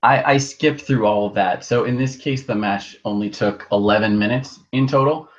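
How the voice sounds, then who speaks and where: Man on a dull, lo-fi internet call. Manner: halting, often restarts words. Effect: low-quality internet call audio. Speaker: podcast co-host. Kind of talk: casual chat. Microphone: video call. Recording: dull lo-fi video call line.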